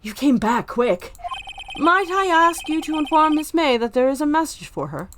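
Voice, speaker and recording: A woman's voice: high voice, very animated, normal speed, noisy background, pitched above the performer's own voice. A woman voicing a chirpy, old-fashioned male bellhop in a video game, formal and eagerly deferential. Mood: chirpy, courteous. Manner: chirpy, formal, servile politeness.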